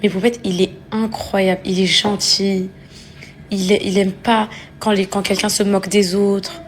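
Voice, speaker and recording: A woman's voice: medium pitch, level tone, measured pace, a little hiss or hum. A tired mother in her thirties chatting casually and affectionately to her viewers in a home vlog. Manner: chatty, affectionate, addresses viewers as "les filles". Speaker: family vlogger, mother.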